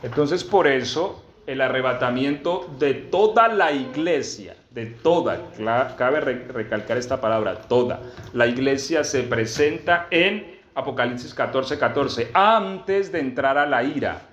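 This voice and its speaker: A pastor preaches a sermon to his congregation with lively intonation and a slightly bright tone. He reads scripture slowly and emphatically and peppers his teaching with questions, captured in roomy, dull low-fi sound at the church gathering.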